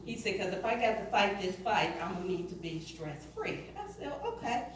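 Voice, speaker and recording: A medium-pitched woman in middle age speaks at normal speed, very animated as she gives her testimony in the church sanctuary. She storytells and quotes the others involved, acting out their dialogue. The recording comes from far away in an echoey hall.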